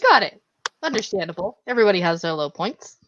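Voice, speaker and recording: A woman's voice: mid-range voice, very animated, fast talker, a bit bright, a little hiss or hum. A woman voicing a blunt, matter-of-fact woman who keeps a butcher shop in a tabletop game. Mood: brisk. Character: brisk welcoming woman, vampire shop keeper. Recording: dull lo-fi, dry.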